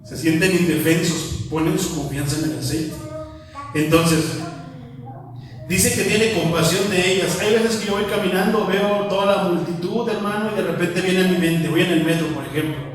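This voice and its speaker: Mexican male pastor, conversational sermon, high voice, recorded far off in a very echoey hall. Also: moderate pace, crowd noise. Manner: conversational, full of rhetorical questions, often calls out "my brother". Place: church prayer hall.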